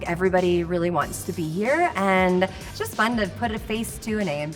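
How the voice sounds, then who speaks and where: A woman's voice: on the low side, lively intonation, moderate pace, soft background music. A woman fitness competitor speaking in sincere, sociable interview soundbites.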